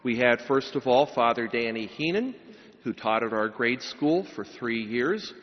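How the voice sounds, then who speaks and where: A man's voice: mid-range voice, lively intonation, unhurried. A middle-aged man, a pastor, preaching a sermon and giving a blessing at a pulpit microphone, with emphatic, rising phrases. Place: large church. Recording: long church reverb, dull sound.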